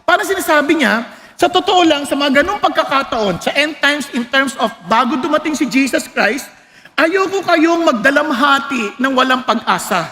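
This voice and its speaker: Filipino man preaching, very high bright voice, animated, joking, long hall reverb. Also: moderate pace. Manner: animated, mixing Tagalog and English, joking, shouting for emphasis. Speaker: pastor. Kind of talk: sermon.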